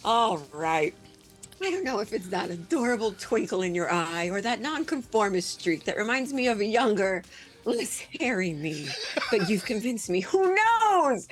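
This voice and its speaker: A woman's voice: mid-range voice, sing-song, normal speed, soft background music, natural voice. A woman hamming up a grouchy sneering Grinch. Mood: gleeful scheming. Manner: sneering, swings from mutters to shouts. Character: grouchy scheming green male Grinch creature. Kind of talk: comedic table read.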